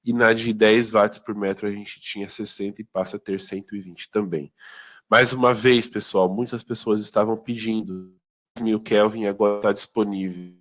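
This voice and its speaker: Low-voiced Brazilian man explaining products. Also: steady tone, normal speed. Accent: Brazilian Portuguese. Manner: conversational, many fillers and tag questions. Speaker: product presenter. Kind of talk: informal sales training talk.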